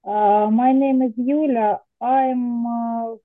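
A woman's voice: a little high, steady tone, slow, no echo. Ukrainian woman over a tinny line. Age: 40s. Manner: careful, simple sentences. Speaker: student. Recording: tinny phone-like call audio.

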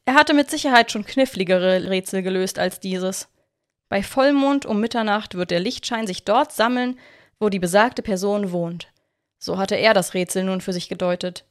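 A woman's voice: medium pitch, normal speed. Woman reading a children's story aloud. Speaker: narrator. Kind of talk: scripted storybook narration.

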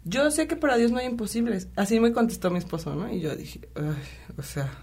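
A woman's voice: a little high, a little fast, husky. A woman with a Mexican accent telling a personal story in casual conversation, animatedly acting out what others said. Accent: Mexican Spanish. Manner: animated retelling, acting out quotes, many fillers.

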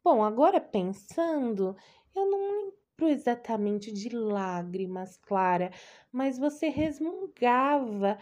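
A woman voicing a fussy, doting and bossy older aunt on a phone call, talking in a high, gushing voice full of endearments and scolding. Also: big pitch swings, slow, darkish tone.

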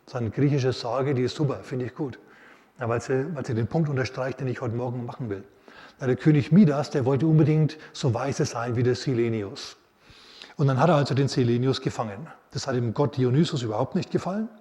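A man preaching a sermon as a pastor, telling stories in a lively way and acting out quotes. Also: mid-range voice, fairly quick. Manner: lively storytelling with acted quotes. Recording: long reverb of a large hall.

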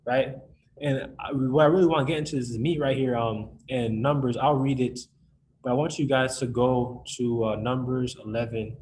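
A man's voice: mid-range voice, steady tone, moderate pace, a little mellow, a little hiss or hum, rough recording. Man leading a casual Bible study. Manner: casual, checks in with listeners often. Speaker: youth Bible study leader. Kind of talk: informal Bible teaching to a group.

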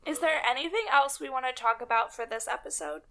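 A woman's voice: high voice, fast talker, bright, forceful tone. A woman co-hosting a podcast, chatting casually and leaning on "like" a lot. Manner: chatty, heavy use of "like". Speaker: podcast co-host. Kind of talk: casual chat.

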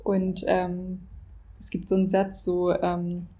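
Gravelly, warm-toned woman interviewer. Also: lowish voice, completely flat delivery, slow pace. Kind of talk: conversational interview.

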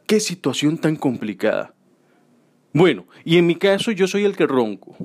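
A man's voice: on the high side, big pitch swings, moderate pace, darkish tone. A man around forty, doing a crude, self-mocking stand-up comedy monologue.

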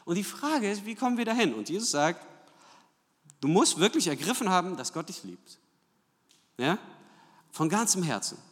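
A man's voice: high-pitched, big pitch swings, moderate pace, pauses often, a bit bright. A man preaching a sermon, asking rhetorical questions and often checking in with "ja?". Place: church hall. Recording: long church hall reverb.

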